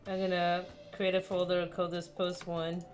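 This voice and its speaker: A woman's voice: fairly low pitch, completely flat delivery, moderate pace, darkish tone, faint music behind. A young woman talking herself through a digital drawing, muttering and poking fun at her own work. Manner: self-deprecating, muttering to herself. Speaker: artist. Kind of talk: casual art-process commentary.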